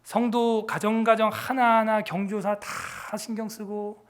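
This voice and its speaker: A man in his forties preaching a sermon in a church sanctuary, in a chatty, joking way that swings from muttering to loud exclamations. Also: sits high, level tone, unhurried. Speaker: pastor.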